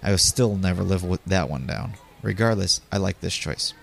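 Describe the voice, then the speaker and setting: A man's voice: deep voice, moderate pace, creaky. A man hosting a podcast, narrating personal memories in a conversational way and speaking directly to his listeners. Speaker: podcast host.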